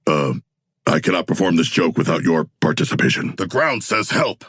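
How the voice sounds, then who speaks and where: A man's voice: deep voice, lively intonation, normal speed, fairly bright tone, breathy edge, no room sound, studio quality, exaggerated voice. A man playing a huge humanoid shark warrior in a video game, earnest and literal-minded, with formal, stilted, grandiose diction and a battle-hungry pride. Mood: matter-of-fact. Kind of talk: video game character voice lines.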